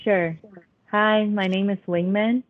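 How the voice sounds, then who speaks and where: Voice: medium pitch, steady tone, slow. Young adult, earnest and thoughtful, tinny phone-like call audio, dry. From Hong Kong. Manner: earnest, thoughtful, with hesitant fillers. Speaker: architecture student. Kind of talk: panel discussion answers.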